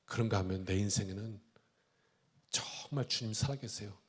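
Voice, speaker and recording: A man's voice: fairly low pitch, normal speed, husky. A male pastor preaching a sermon in a church, acting out the lines of the people in his story with changing voices. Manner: animated, acts out dialogue in shifting voices. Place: church sanctuary.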